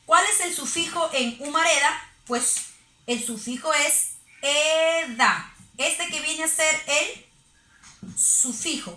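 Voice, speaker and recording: A woman's voice: high voice, bright, forceful tone, reverberant. A woman teacher giving a recorded lesson, patiently asking questions and answering them herself. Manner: patient, asks and answers her own questions.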